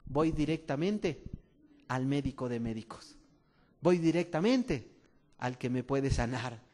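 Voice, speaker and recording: A man with a Mexican accent voicing a desperate blind beggar who cries out loudly for mercy. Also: medium pitch, animated, a little slow, pitched below the performer's own voice, natural voice. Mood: resolute. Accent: Mexican Spanish. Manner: loud pleading cries. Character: blind male beggar crying out, desperate and resolute.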